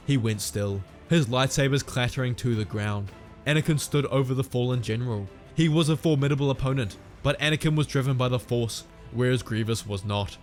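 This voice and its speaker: Guy narrating a story in a steady even voice, faint music under it. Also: mid-range voice.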